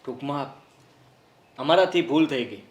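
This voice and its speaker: A man's voice: fairly high pitch, animated, moderate pace, close to an everyday voice. Guy acting as sorry grown son, sincere, apologizing, echoey room. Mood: apologetic. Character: remorseful grown son seeking to mend ties. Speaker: son of the family. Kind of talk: family drama acting. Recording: roomy echo.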